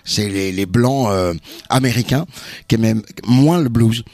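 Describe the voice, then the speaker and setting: A man hosting a radio music show, explaining music history in an unhurried, knowledgeable way. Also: mid-range voice, a little mellow, dry recording. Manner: explanatory, knowledgeable, drawn-out phrasing. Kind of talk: casual on-air music chat.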